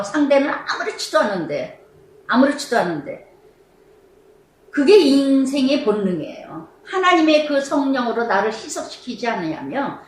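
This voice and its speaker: A middle-aged woman pastor delivers an emphatic sermon. Her voice sits high and moves widely up and down as she repeats key phrases for weight. The sound carries a noticeable room echo. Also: a little hiss or hum.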